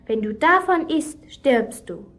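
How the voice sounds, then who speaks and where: A woman in a children's radio play voicing the curious first woman in paradise, soft and earnest. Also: high voice, animated, slow pace, exaggerated voice.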